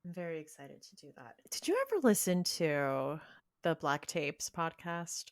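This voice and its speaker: Low-voiced woman podcast co-host. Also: normal speed, no echo, studio quality. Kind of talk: casual chat.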